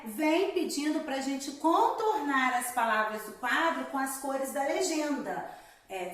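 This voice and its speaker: Echoey, high-voiced woman teacher. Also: recorded from a distance. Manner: explains step by step with frequent "né?" and "galerinha". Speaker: primary school teacher. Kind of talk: recorded remote grammar lesson. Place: room at home. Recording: very echoey room, voice set back from the mic.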